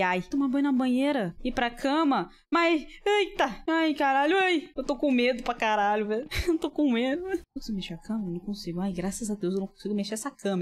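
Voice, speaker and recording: A woman's voice: mid-range voice, a little mellow. A young woman with a Brazilian accent, narrating her own horror playthrough as a gaming host. She talks right at the game and to herself, curses freely and jumps at every small fright. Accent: Brazilian Portuguese. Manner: jumpy, swears often, talks to herself and the game. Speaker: gaming YouTuber. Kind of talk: let's play commentary.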